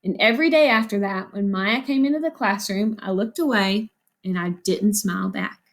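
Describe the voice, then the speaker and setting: A woman elementary school teacher reads a picture book aloud at a moderate pace in a medium-pitched voice. She explains along the way, asking the children questions and answering them herself.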